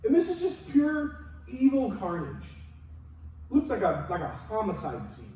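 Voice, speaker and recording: A man preaching a sermon as a pastor, in an energetic, conversational way with rhetorical questions. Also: very high voice, a little slow. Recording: very echoey hall, distant mic.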